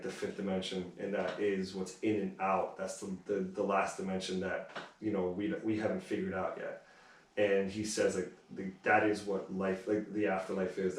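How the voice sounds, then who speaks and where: A man's voice: deep voice, flat delivery, normal speed, a little hiss or hum. A man co-hosting a podcast in casual chat, rambling with lots of filler words and free swearing. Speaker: podcast co-host. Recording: roomy echo, distant from mic.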